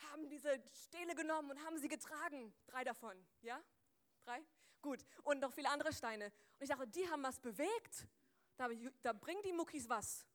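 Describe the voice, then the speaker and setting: Lively woman preaching a sermon. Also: a little high. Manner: lively, acts out little scenes and quotes, chatty asides to listeners. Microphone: close microphone.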